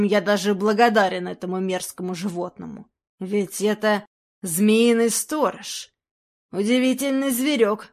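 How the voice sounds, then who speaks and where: A woman's voice: medium pitch, close to an everyday voice. Woman doing a growling bearded robber. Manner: growling, slow and threatening.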